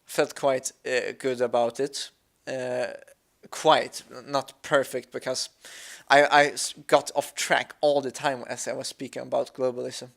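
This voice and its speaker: Commentating casually over a game, a young gaming YouTuber from Sweden speaks with a Swedish accent and Swedish as his first language, hesitating with many fillers and restarts. His mid-range voice has vocal fry and a bit of brightness, with little pitch movement and a measured pace.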